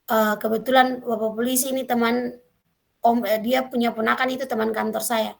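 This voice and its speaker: A middle-aged woman, preaching a devotional sermon and telling a story, quoting people in lively voices. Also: a little high, moderate pace, creaky.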